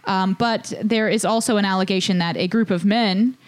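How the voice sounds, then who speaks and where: A woman's voice: mid-range voice, fairly even intonation, normal speed, dry recording. A young adult woman from Indiana hosting a comedy podcast, chatty and jokey, often slipping into quoted voices. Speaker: podcast host. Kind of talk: casual comedic podcast chat.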